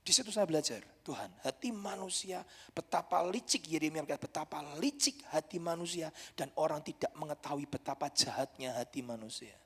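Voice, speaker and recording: A man with an Indonesian accent preaching a sermon, emphatic and dramatic, with sudden loud peaks. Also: a little high, a little fast, breathy edge. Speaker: pastor. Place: church hall. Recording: reverberant church hall.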